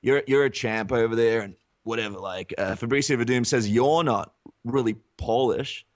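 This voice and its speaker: A man's voice: mid-range voice, moderate pace, dry recording, studio quality. A man co-hosting a casual podcast chat, playful and teasing. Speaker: podcast co-host.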